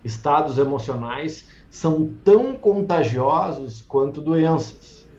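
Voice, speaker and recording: A man hosts an online book club in a relaxed, chatty way, laughing easily and reading passages slowly. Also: a little high. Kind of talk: casual live-stream chat. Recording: roomy, muffled lo-fi sound.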